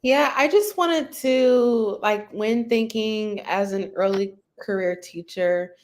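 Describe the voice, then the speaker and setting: A woman's voice: mid-range voice, slow pace, a little mellow. A woman teacher speaking earnestly on a virtual panel, reflecting on parent conversations and acting out what she would say. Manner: earnest, reflective, quotes herself in examples.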